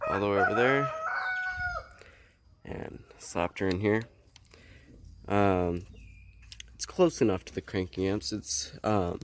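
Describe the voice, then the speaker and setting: A young man explaining his truck repair in a casual vlog, halting and full of ums, filming outdoors on a phone. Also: on the low side, slight background noise. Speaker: homesteading vlogger. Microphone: phone held while filming.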